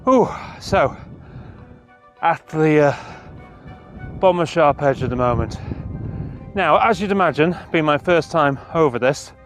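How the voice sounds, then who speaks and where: A man vlogging outdoors on a mountainside into a camera on a monopod, talking in an earnest, halting, self-deprecating way. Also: a little high, animated, music in the background. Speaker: hiking vlogger. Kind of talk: casual walking vlog chat.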